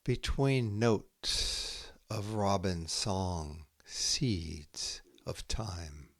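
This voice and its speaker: A podcast host with a low voice reads haiku aloud very slowly, line by line, in an expressive way. His delivery is measured, with short phrases separated by pauses, and there's no room sound.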